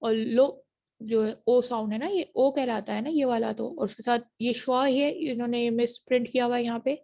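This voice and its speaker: A woman gives a university phonetics lesson, moving between Hindi-Urdu and English. Her voice sits fairly high, and she keeps checking in with students as she goes. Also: steady tone, moderate pace, creaky, dark tone. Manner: mixes Hindi-Urdu and English, checks understanding with repeated "ठीक है". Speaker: university lecturer. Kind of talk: online phonetics lecture.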